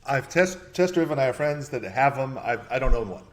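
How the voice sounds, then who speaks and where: A man's voice: mid-range voice, expressive, fairly quick. A man being interviewed about investing, who talks in bursts with many restarts and thinks aloud. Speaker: investment manager guest. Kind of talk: podcast interview.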